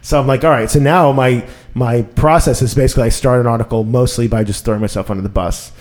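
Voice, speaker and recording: A man in his thirties, a podcast host chatting casually and telling stories in a rambling, animated way with lots of fillers. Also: medium pitch, fast. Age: 30s.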